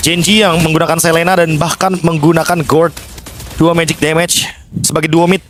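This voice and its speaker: A man's voice: a little high, flat delivery, normal speed, a bit bright, slight background noise. An Indonesian man giving explanatory live esports commentary, sprinkled with English gaming terms. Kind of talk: live analytical game commentary.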